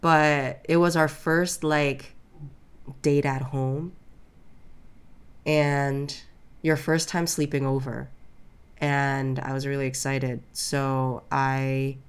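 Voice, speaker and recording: Low-voiced young woman telling stories. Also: slow pace, pauses often, smooth. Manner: animated storytelling, gets loud and high when riled. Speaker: podcast co-host. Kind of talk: casual chat.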